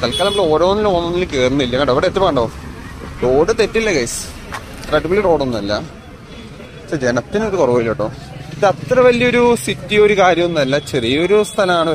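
Chatty man vlogging down a noisy street. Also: fairly high pitch. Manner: chatty, addresses viewers as guys. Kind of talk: casual walking vlog. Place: outdoors on a busy street. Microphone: phone camera, no external mic. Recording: phone recording with loud street noise. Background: street traffic and passers-by.

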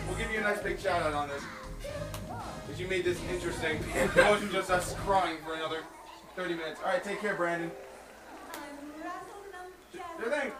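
A man's voice: sits high, a little fast. A young man joining a casual commentary, rambling, joking and hesitating with lots of fillers. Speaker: guest commentator. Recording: roomy, far from the mic, music behind.

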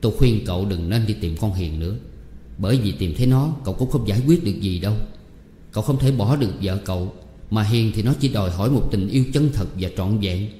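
A man voicing an older village teacher, grave and weary, who gives measured and stern advice. His voice is low and warm. It rings in an echoey room with long reverb. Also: a little hiss or hum, lightly acted. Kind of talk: audiobook character voicing.

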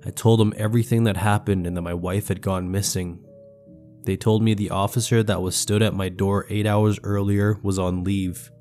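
Horror narrator: a man with a deep voice who sounds under the weather, slow and measured, faint music underneath. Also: flat delivery, a little mellow. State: sounds sick.

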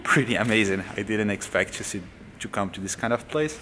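Holding the camera at arm's length, a young vlogger offers relaxed, casual travel commentary in a low-ish voice at a brisk pace. His phrasing is loose and non-native, and the background is noisy as he moves between outdoors and an empty concrete building.

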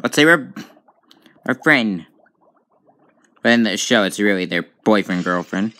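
Indoors at a tablet, a gamer with a low, bright, forceful voice offers casual let's play commentary, talking a little slowly and expressively while reacting aloud with frequent exclamations.

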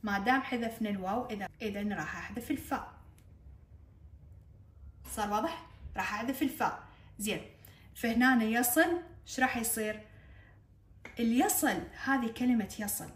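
A woman with an Iraqi accent, explaining a grammar lesson to students, repeating key points and asking whether it is clear. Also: a little high, normal speed, pauses often, reverberant. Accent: Iraqi Arabic. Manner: repeats key points, checks understanding with questions. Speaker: Arabic grammar teacher. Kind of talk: classroom-style lesson explanation.

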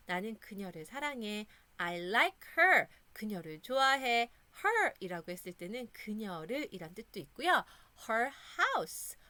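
A Korean woman teaches English sight words to children in an encouraging classroom manner. Her bright voice swings widely in pitch, and she paces herself slowly so the kids can echo each word. The recording is dry and close.

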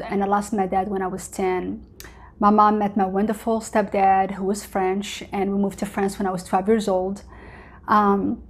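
A woman in her forties, Moroccan-born with Arabic as her first language, talks earnestly into a camera at home. She speaks in a chatty, personal testimony style, full of little fillers and restarts. Her voice sits at an ordinary middle pitch. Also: darkish tone. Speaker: host. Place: home living room.

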